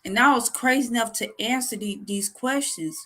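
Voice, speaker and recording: A young woman talking about her own life in a personal vlog, halting and repeating herself, close to tears. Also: on the high side, bright, forceful tone. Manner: halting, repeats words, emotional. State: near tears. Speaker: vlogger.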